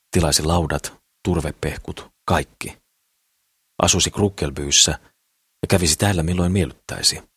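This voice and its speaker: A man narrating an audiobook in a steady, measured reading. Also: low-pitched, husky, no echo, clean studio sound. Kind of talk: scripted narration.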